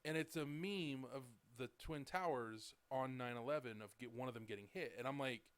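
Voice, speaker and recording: A man in his late thirties hosts a casual podcast, wandering through stories studded with "like" and "dude." His mid-range voice has a clean tone and normal speed, with no room sound.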